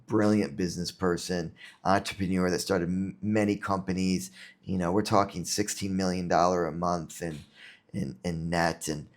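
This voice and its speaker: A man from New York, an entrepreneur talking as a podcast guest in an earnest, reflective way, often repeating words as he thinks. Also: low-pitched. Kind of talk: casual interview talk.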